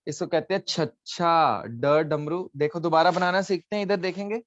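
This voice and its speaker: A man leads a live online class, explaining each letter patiently and checking that students follow. His voice sits a touch high and sounds close and dry. The call audio comes through dull and lo-fi. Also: normal speed, no room sound. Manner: patient, coaxing, mixes in English phrases. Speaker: online language teacher.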